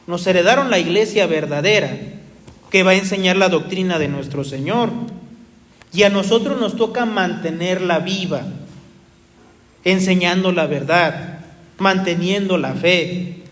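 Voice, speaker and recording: A man's voice: sits high, fairly bright tone. A man preaching an earnest, exhorting sermon, told as a story. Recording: echoey hall reverb.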